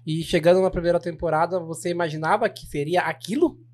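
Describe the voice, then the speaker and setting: A woman's voice: fairly low pitch, fast, a little mellow. A woman co-hosting a podcast, asking curious, teasing questions in casual chat. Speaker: podcast co-host.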